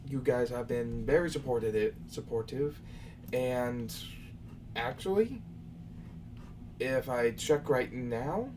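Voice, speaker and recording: This young man answers his viewers' questions in a casual live stream, talking loosely and lecturing them with some exasperation. His medium-pitched voice is expressive and slow, with frequent pauses. Faint background noise comes through, and he is far from the microphone.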